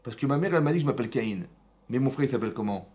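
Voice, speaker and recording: A man teaching a Torah class in a synagogue, lively and often checking in with his listeners. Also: mid-range voice, racing. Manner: lively, asks frequent check-in questions, mixes Hebrew terms. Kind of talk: animated Torah lesson with questions to the audience.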